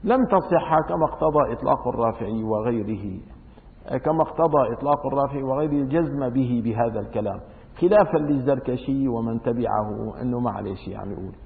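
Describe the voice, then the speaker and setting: A man's voice: mid-range voice, quick pace, vocal fry. A man giving a religious law lesson, reading a classical text and then explaining it in dialect, repeating words aloud to show how they are pronounced. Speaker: religious teacher. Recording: echoey hall over a tinny phone-like line.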